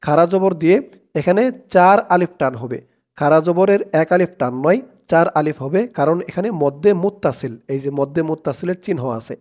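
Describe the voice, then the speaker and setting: A man teaching Quran recitation, spelling out each word and chanting the verses in long drawn-out tones. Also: a little high, darkish tone. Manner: slow drawn-out chanting of verses between plain explanations.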